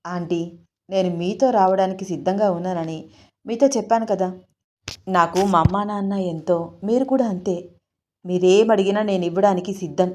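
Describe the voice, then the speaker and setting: A woman storyteller voicing a young husband who pleads and tries to calm everyone. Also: mid-range voice, moderate pace, natural voice. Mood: pleading. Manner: pleading, conciliatory.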